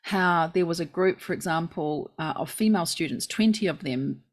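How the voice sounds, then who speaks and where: Kiwi woman co-host, slightly low voice, earnest and informative. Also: moderate pace. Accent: New Zealand. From New Zealand. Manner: earnest, informative, lists facts and reports at length. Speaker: podcast co-host. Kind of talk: casual podcast chat.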